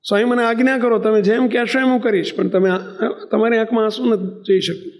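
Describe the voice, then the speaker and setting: A man's voice: sits high, steady tone, fast, pitched above the performer's own voice, close to an everyday voice. A man voicing an earnest, pleading young devotee. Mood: tearful devotion. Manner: earnest, pleading, tearful at times.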